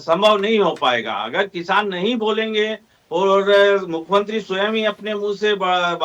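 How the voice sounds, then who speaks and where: A man with a fairly high voice makes an earnest case on a panel discussion, pausing often with small hesitations as he argues for farmers. The sound is dull and lo-fi, like a remote feed. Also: fairly bright tone. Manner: earnest, argumentative, many hesitations. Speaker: farmer representative guest.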